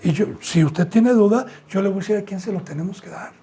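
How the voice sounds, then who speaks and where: Husky pastor preaching emphatically. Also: male voice, fast, warm tone. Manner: preaches with rhetorical questions, addresses listeners as brothers and sisters; emphatic jumps in pitch and volume. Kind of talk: sermon.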